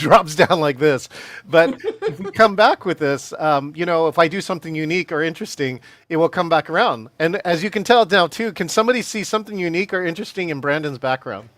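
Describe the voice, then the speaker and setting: A man presenting a live video-call training session on virtual meetings, energetic, laughing often and calling on attendees by name. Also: on the high side, dry recording.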